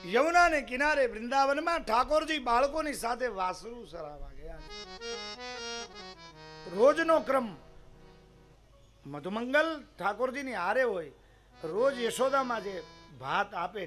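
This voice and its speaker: High-voiced preacher telling a story. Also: male voice, lively intonation, unhurried, long pauses, fairly bright tone, soft background music. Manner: emphatic, rhetorical questions to listeners. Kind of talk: devotional scripture storytelling sermon.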